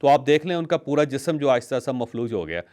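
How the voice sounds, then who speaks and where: A man hosts a talk show, telling stories and explaining health in a measured way with small hesitations. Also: medium pitch, expressive, darkish tone. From Pakistan. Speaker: host.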